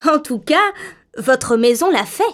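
A woman voicing a kindly little old good witch who speaks calmly and gently. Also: sits high, unhurried. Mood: gentle. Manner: calm, gently reassuring.

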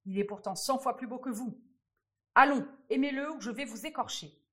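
A woman voicing a wicked, blustering old king who shouts threats, with a breathy voice. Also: a little high, expressive, quick pace, voice pushed up. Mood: furious.

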